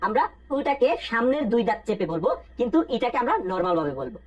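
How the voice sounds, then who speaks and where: A woman with a Bangladeshi Bengali accent leads a step-by-step language lesson with a slightly husky, fairly high voice. She repeats each sound in drills and poses questions that she answers herself, keeping a patient teaching rhythm. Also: lively intonation, fast talker, muffled recording.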